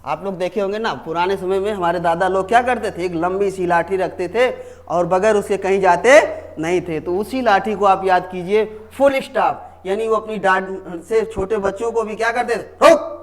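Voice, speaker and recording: A man's voice: high-pitched, moderate pace. A man teaching a grammar lesson to students, often repeating himself and asking them questions he then answers. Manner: repeats and asks the class questions.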